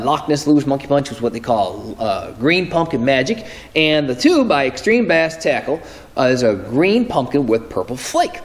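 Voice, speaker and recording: A man in his thirties with a high-leaning voice hosts a fishing show, explaining his methods to camera casually and correcting himself as he goes. He's filmed close up indoors in a tackle room whose wall is covered in lures.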